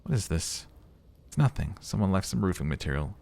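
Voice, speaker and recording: Hosting a video game playthrough, a man with a low, sing-song, creaky voice and darkish tone talks fairly quickly. He thinks aloud, muttering and humming to himself in casual commentary, then switches to dramatic readings of the game's text.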